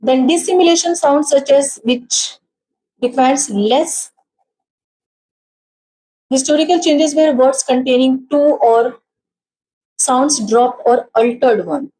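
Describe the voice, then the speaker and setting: A woman with an Indian accent leads an exam-prep lesson, her voice sitting slightly high and her overall pace slow. She reads terms deliberately and then speeds up to explain, mixing Hindi and English, and she sounds tired after hours of talking. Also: warm tone, low-quality recording. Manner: mixes Hindi and English, slow when reading definitions, rapid when explaining. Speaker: teacher.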